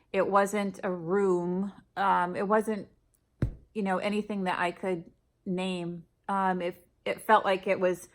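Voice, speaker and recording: A woman telling her own story in a reflective, hesitant way, with frequent pauses and fillers. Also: medium pitch. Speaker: storyteller sharing a personal experience. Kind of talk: personal testimony.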